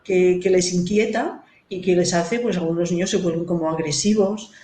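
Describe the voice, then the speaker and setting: A woman's voice: fairly low pitch, normal speed, warm tone. Earnest woman in a roomy echo. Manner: earnest, often tags phrases with "¿no?". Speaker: author and guest on grief in children. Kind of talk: explanatory interview answers. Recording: roomy echo with faint noise.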